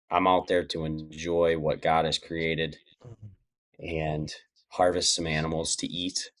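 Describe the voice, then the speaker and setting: Deep voiced guy as a podcast guest, plainspoken and kinda reflective, just chatting casually. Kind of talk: casual interview chat.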